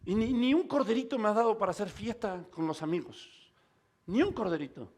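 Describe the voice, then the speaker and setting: A male preacher voicing a resentful grown son who complains quickly and repeats his grievance. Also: high voice, expressive. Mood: aggrieved.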